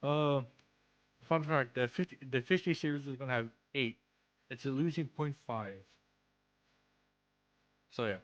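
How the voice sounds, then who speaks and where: A man's voice: medium pitch, highs cut off. Man, slushy lisp on s, slightly slurred, casual vlogger, rambling restarts. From Canada. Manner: halting, rambling, repeats and restarts phrases. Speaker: content creator and streamer. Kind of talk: casual self-introduction vlog.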